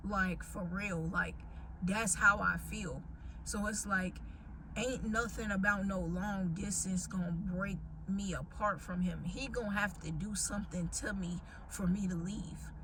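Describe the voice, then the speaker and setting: A woman's voice: mid-range voice, fairly even intonation, unhurried, background noise. An American woman in her twenties rants casually and candidly to viewers, swearing freely in emphatic, slangy speech. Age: 20s. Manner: slangy, profanity-heavy, emphatic. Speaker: vlogger.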